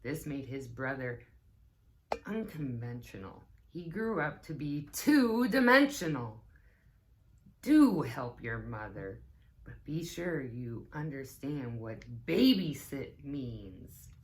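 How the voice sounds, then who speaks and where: A low-pitched woman, a teaching assistant, reads a picture book aloud at an unhurried pace. It's children's story time, and her phrasing is expressive and deliberate, aimed at young children, with asides along the way.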